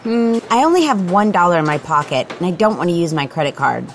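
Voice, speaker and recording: A woman playing a polite female café customer in a recorded dialogue for language learners, with a clear, lively intonation. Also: lowish voice, normal speed, slight background noise.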